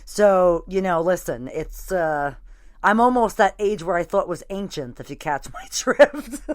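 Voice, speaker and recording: A woman's voice: on the low side, animated, a little slow, dry recording, clean studio sound. A woman in her forties hosting a casual interview, laughing often and swearing freely. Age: 40s. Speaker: podcast host.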